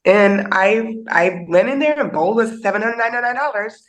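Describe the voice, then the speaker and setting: A woman's voice: mid-range voice, normal speed, rough recording. A woman speaking as a podcast guest, telling a personal story in a candid, conversational way, a little teary and emotional. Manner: candid and conversational, heavy on fillers like "you know".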